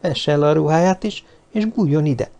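Male reader as a whispering seductress, raised pitch over a mellow tone, bold and teasing. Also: vocal fry. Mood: sultry. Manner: sultry, whispering. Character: seductive middle-aged woman, commanding, hot-blooded. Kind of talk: audiobook character voice.

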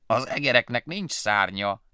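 A man's voice: on the high side, big pitch swings, sharp tone, no room sound, clean studio sound, pitched above the performer's own voice. A man voicing a cocky male bat who mocks and teases in a storybook reading. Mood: mocking. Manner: teasing, laughing, slangy.

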